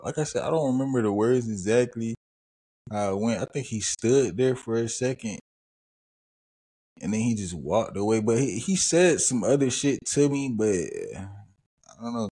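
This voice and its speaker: A man's voice: medium pitch, expressive, normal speed, dark tone, breathy edge. A man, hosting a podcast and telling loose, profane, rambling stories. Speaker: podcast host. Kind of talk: casual storytelling.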